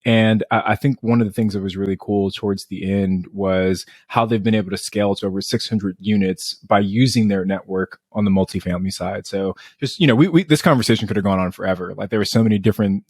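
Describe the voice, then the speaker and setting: A man's voice: fairly low pitch, quick pace, hardly any pauses, darkish tone, dry recording. Dry-sounding upbeat male podcast host. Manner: enthusiastic, repeats words. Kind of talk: casual podcast interview.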